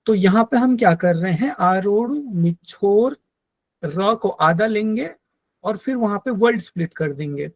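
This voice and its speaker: A man teaching a yoga text in an online class, explaining slowly and patiently and drilling Sanskrit pronunciation. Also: high voice, lively intonation, dry recording. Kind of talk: online lecture.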